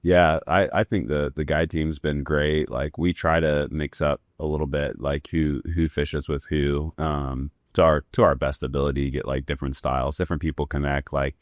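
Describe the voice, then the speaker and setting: A man's voice: very deep voice, level tone, moderate pace, hardly any pauses, no echo, studio quality. A man hosting a casual round-table fishing chat, talking loosely with lots of "like" fillers. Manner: rambling, many "like" fillers. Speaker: podcast host. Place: fishing lodge.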